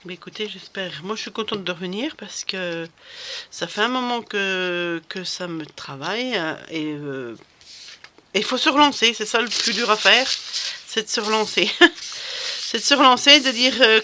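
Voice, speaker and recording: A woman's voice: mid-range voice, sharp tone, a little hiss or hum. A woman vlogger chatting casually while she crafts at home, rambling and hesitant, full of fillers and restarts.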